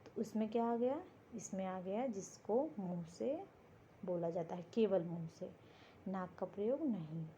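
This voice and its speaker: A woman's voice: medium pitch, measured pace, dark tone, dull audio, a little hiss or hum. A woman teaching a grammar lesson for exam prep, explaining step by step and answering her own questions. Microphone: board lesson video, writing while talking.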